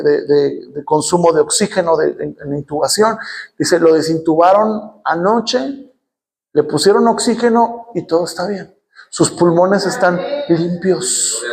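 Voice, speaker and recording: A middle-aged man with a Mexican accent, a pastor telling a personal story and then preaching with mounting, shouted passion in a church. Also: high-pitched. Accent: Mexican Spanish. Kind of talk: sermon.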